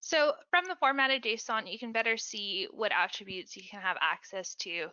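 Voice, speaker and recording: A woman support specialist explaining software steps in a casual webinar, friendly and chatty. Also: medium pitch, normal speed, smooth, dry recording, dull audio.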